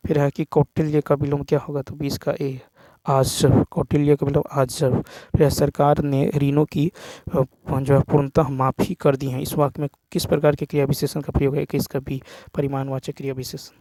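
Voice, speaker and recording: A male tutor walks through an exam paper question by question, naming the right option and explaining the rule behind it. His voice is mellow and even, with little rise and fall, and the recording is dry and close. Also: a little high, normal speed, dry recording. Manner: steady explanatory delivery, repeats answers with "ठीक है" and "next". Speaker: teacher. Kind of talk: exam answer-key walkthrough lesson.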